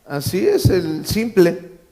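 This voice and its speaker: A male pastor delivers a sermon in a church, his voice sitting somewhat high for a man. He hammers key phrases through repetition and keeps checking in with his listeners. Joking asides lighten the preaching. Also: huge pitch swings, takes it slowly, warm tone. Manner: emphatic, repeats key phrases, quizzes the congregation, joking asides.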